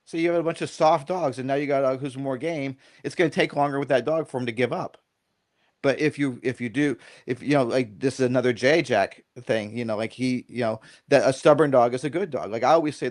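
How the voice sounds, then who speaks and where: A middle-aged man, a dog trainer guest on a podcast, talking in a casual, rambling way. He keeps checking in with "right?" and acts out little quoted lines as he tells stories. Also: medium pitch. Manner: animated storyteller who acts out quotes.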